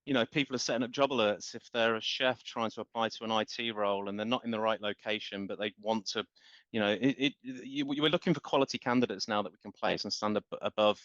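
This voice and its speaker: A marketing company founder guests on a business podcast, talking fast in a fairly low, somewhat bright voice with fairly even intonation. He's passionate and rambling, with long run-on explanations and repeated words, and the dry recording sounds dull, muffled and lo-fi.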